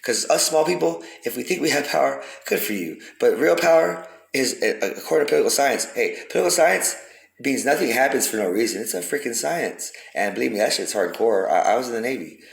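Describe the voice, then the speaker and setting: A man's voice: mid-range voice, expressive, fairly quick, vocal fry. A man giving a rambling, profane philosophical monologue, repeating himself for emphasis. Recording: roomy echo.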